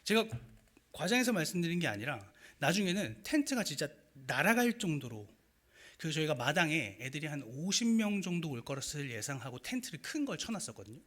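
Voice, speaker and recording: A young man preaching a sermon, telling a personal story in a lively, animated way. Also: fairly high pitch, fairly quick. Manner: animated storytelling with acted quotes and rising emotion.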